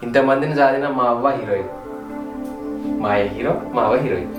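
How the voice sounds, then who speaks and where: A man's voice: mid-range voice, fairly quick, reverberant, loud music behind the voice. A man with a Telangana Telugu accent, a vlogger telling his family's story in a heartfelt, reflective way, repeating words for emphasis. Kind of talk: personal storytelling on a home tour.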